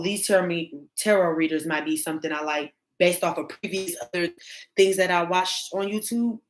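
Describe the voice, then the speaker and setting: A woman's voice: fairly low pitch, poor audio. A thirty-year-old woman, a tarot reader, chatting casually in a vlog, often stopping and restarting her sentences. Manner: halting, many restarts and fillers. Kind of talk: casual spiritual vlog chat.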